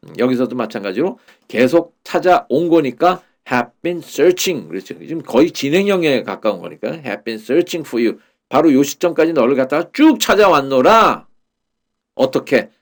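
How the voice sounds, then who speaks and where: In a medium-pitched voice, a man leads a lesson in Korean about English Bible verses. His explanations are slow, he repeats the English phrases, and he uses a lot of fillers.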